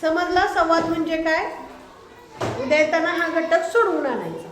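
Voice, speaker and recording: A very high-pitched woman teaches a live class and keeps asking her pupils check questions as she goes. Her voice rings around a roomy, echoey classroom. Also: moderate pace, over music. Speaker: schoolteacher. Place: school classroom with pupils present.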